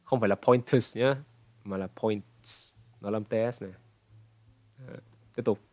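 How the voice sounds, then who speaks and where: Dry-voiced young pronunciation coach. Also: male voice, lowish voice, fairly even intonation, a little mellow, no room sound. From Vietnam. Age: 20s. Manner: repeats words slowly to demonstrate, says "đấy" often. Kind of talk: reaction commentary correcting pronunciation.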